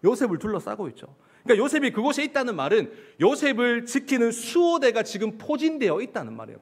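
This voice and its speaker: A male pastor delivers a sermon in church, his voice pitched high and moving up and down a great deal. He keeps asking the listeners questions and answering them himself. At times he acts out the quoted lines in a mocking voice.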